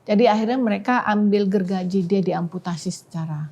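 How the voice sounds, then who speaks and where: A woman giving an emotional personal testimony on a talk podcast, dropping to a hush when she quotes prayers. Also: mid-range voice, a little fast. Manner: emotional storytelling, quoting prayers softly. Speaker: podcast guest.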